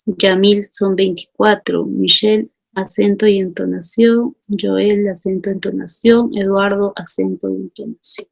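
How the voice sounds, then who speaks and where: This Peruvian Spanish-accented teacher speaks at a medium pitch, steady and unhurried, with a gravelly texture. Running her class, she names individual students, reads their responses aloud, and presses for justifications.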